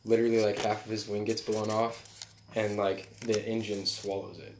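A young man in easy, slangy conversation with a friend, laughing often. His voice sits a little low and rings with a roomy echo, with a faint hiss underneath. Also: flat delivery, moderate pace. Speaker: friend chatting. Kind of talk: casual chat.

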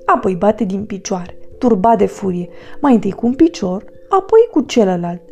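A woman narrating a children's storybook in an expressive, lively way. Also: mid-range voice, vocal fry. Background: soft music.

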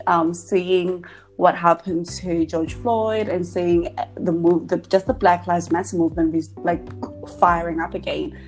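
Measured woman from Zimbabwe, podcast co-host, low pitch, casual chat.

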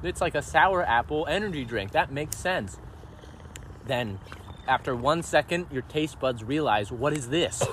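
A man co-hosting a casual podcast chat, playful and quick to laugh. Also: on the high side, expressive, fairly bright tone, a little hiss or hum. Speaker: podcast co-host.

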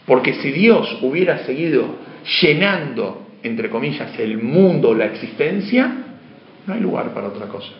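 A man giving a spiritual lecture to a class, asking questions of his listeners and moving between emphatic and hushed speech. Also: medium pitch, very animated, normal speed, slight background noise. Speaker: teacher. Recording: dull, roomy lo-fi room sound.

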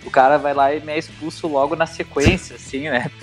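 A man's voice: on the high side, flat delivery, a little fast. A man with a gaúcho accent in casual, colloquial sports chat, often ending phrases with tag questions. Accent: southern Brazilian, gaúcho. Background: music under the talk.

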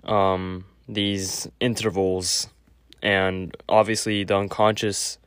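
Slow, halting man with a clogged nose. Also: lowish voice, no echo, studio quality. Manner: halting, many fillers and self-corrections. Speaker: podcast host. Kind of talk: casual spoken lecture.

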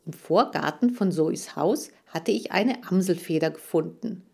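A woman reading a children's story aloud as the audiobook narrator, with a lively, expressive delivery. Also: lowish voice, measured pace, creaky, breathy edge.

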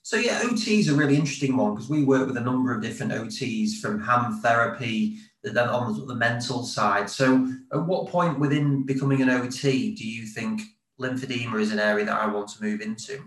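A man's voice: medium pitch, a little fast, few pauses, fairly bright tone. A man hosting an interview over a video call, often restarting and repeating words as he asks questions. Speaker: interview host. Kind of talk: interview conversation. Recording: roomy sound from far off the mic.

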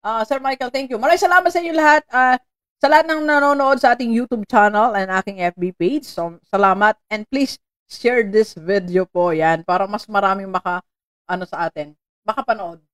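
A Filipino woman hosting a live-streamed motivational talk, chatty and animated, laughing often and greeting viewers by name. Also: mid-range voice, fairly quick. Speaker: motivational host.

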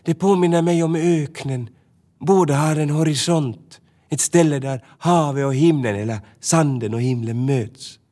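A man voicing a gentle, cheerful female camel in a children's storybook, warm and unhurried. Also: on the high side, voice pushed up, close to an everyday voice. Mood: friendly. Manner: warm, slow and welcoming.

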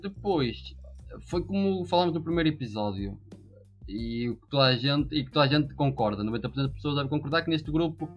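A man's voice: a little high, lively intonation, brisk, muffled recording, soft background music. A man giving casual football analysis as a panellist, emphatic and often repeating his phrases.

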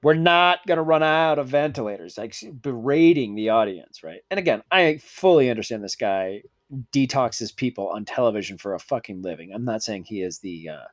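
Man, podcast co-host, animated rant, swinging pitch, casual profane chat. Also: normal speed. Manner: animated, ranting, swears freely.

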